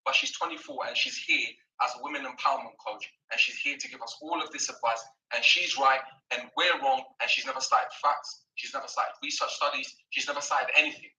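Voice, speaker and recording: A man's voice: medium pitch, vocal fry, sharp tone. A man on a live panel making an insistent, argumentative case. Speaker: panel caller. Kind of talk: heated debate. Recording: echoey and distant.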